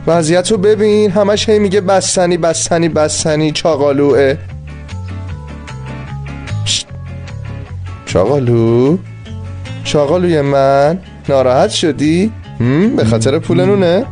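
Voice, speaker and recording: A man dubbing a lively, exasperated young man in a drama. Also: fairly high pitch, pauses often, faint music behind, close to an everyday voice. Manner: animated, exasperated. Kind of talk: dubbed drama dialogue.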